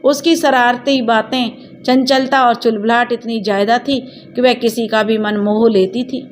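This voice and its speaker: A woman narrating a family story in a steady, expressive scripted reading. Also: on the high side, moderate pace, a little hiss or hum.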